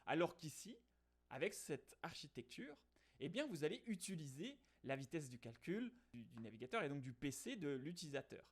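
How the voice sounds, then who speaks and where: A man hosting a casual coding tutorial, explaining in a lively way with fillers and quick self-corrections. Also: on the high side, husky. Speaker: programming tutorial host.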